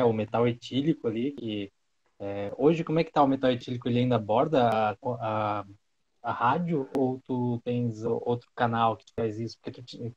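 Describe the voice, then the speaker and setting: A man's voice: medium pitch, a little mellow. A man hosting a casual live podcast, easygoing and reading viewer questions aloud. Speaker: podcast host. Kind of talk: casual live-stream interview. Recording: muffled live-stream audio.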